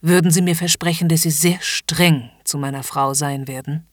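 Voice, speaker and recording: A woman's voice: sits low, fairly even intonation, moderate pace, no echo, clean studio sound. A woman voicing an eager, fawning husband in a pleading, whispered role-play. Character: eager, fawning married man.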